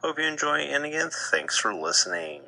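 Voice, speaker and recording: A very bright, sharp-edged male voice with a strong creak. The man speaks as a host, introducing a programme to his listeners. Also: a little high, very animated, fairly quick, low-quality recording.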